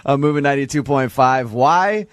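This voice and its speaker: A man's voice: medium pitch, normal speed, smooth, no echo. A man co-hosting a morning radio show, teasing and bantering casually in the studio. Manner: playful, teasing.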